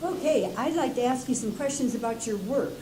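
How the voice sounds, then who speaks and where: A woman interviewer reading a formal introduction in a measured way. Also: fairly high pitch, animated. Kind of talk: read-out introduction. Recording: echoey room with background noise.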